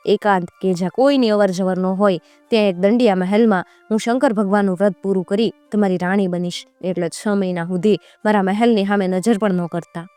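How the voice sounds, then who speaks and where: A woman's voice: mid-range voice, fairly quick, hardly any pauses, no room sound. Woman telling an old folk tale, dry close mic, faint music under. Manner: lively, colloquial storytelling. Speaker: storyteller.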